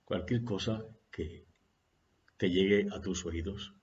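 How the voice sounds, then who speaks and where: A man voicing an older male spiritual master who answers a disciple calmly and matter-of-factly. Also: deep voice, takes it slowly, muffled recording. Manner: calm, matter-of-fact answers.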